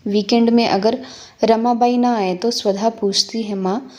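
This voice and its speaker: Brief: woman, fifties, calm first-person story narrator, reflective. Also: fairly high pitch, unhurried.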